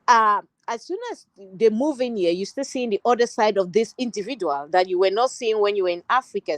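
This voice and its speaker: A woman's voice: medium pitch, dry recording, low-quality recording. Woman from cameroon talking earnestly, lots of restarts, dry close sound. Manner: earnest, steady, with frequent restarts. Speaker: guest social worker. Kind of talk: online panel talk.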